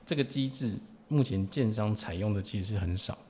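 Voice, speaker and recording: A man's voice: lowish voice, brisk, a crowd in the background. A man with a Taiwanese Mandarin accent explaining informally as an expert guest, punctuating phrases with particles and tag questions. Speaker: lawyer, podcast guest.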